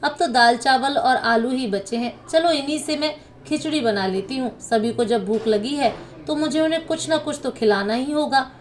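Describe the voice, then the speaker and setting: A woman's voice: high voice, normal speed, a little hiss or hum, close to an everyday voice. A woman voicing a meek, hardworking young elder daughter-in-law who answers politely. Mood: worried. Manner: polite, submissive.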